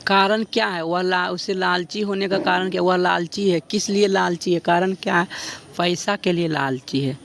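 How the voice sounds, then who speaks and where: A man teaching an exam-prep grammar lesson, drawing out example sentences slowly as he dictates them. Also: sits high, fairly even intonation, creaky, fairly bright tone, slight background noise.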